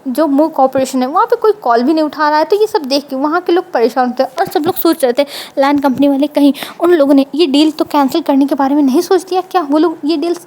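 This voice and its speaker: A woman's voice: sits high, fast talker, a little mellow. A woman narrating a fan-fiction story in a casual, conversational way, with repetitive phrasing. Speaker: fanfiction narrator.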